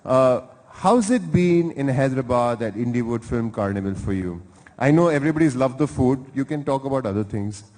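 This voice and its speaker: The hall reverb of a large live venue surrounds this event host from India as he playfully teases audience guests in lively crowd interviews. His medium-pitched voice is a little mellow and a little fast, with lively intonation.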